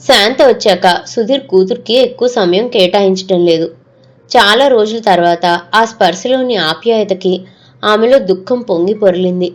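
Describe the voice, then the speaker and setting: Woman narrating an audio story. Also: medium pitch. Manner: steady, measured storytelling.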